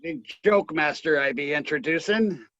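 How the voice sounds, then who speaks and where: A man's voice: a little high, fairly bright tone, dry recording. A man hosting a club meeting in a put-on pirate manner, drawn out and theatrical, over dull lo-fi video call audio. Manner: hammy pirate talk, slow and drawn out. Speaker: meeting host playing pirate captain.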